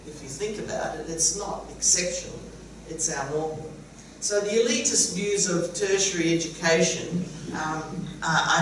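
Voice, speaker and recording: This middle-aged educator comes from Sicily, Italy, and Sicilian is her first language. In a conference room she gives a wry, chatty presentation, laughing at her own jokes. Her fairly low voice was recorded from a distance in a very echoey hall with a faint hum.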